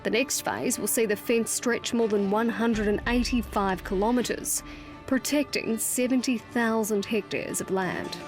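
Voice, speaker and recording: A woman's voice: on the high side, unhurried. An Australian woman narrating a scripted television news feature as a reporter. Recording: music under the voice. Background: music.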